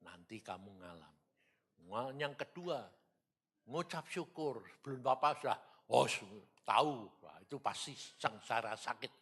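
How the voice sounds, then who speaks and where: A man preaching a testimony sermon, telling his story and acting out his own dialogue with God, going from loud bursts to quiet low lines. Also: unhurried, breathy edge. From Indonesia. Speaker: evangelist preacher. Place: church or studio.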